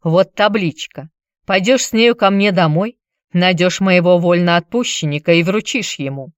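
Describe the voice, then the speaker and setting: A woman's voice: on the low side, moderate pace, no room sound, muffled recording, lightly acted. A woman voicing a young Roman patrician man who gives curt, indifferent orders. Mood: commanding.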